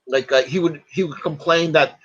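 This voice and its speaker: A man chatting as a podcast guest, retelling stories in a halting way, full of fillers and restarts. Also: a little high, steady tone, a bit bright, breathy edge, highs cut off. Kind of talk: casual podcast chat.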